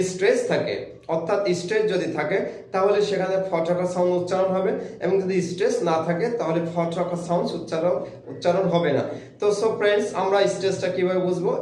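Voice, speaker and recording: Guy teaching pronunciation, says the rules over and over real slow, big echo. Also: high-pitched, darkish tone. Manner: slow, emphatic repetition of rules. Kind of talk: video lesson. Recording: very echoey room.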